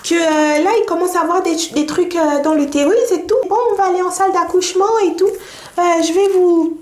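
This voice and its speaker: A woman voicing a brisk, reassuring female midwife who talks in a breezy, matter-of-fact way. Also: very high voice, steady tone, darkish tone, pitched above the performer's own voice. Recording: echoey room.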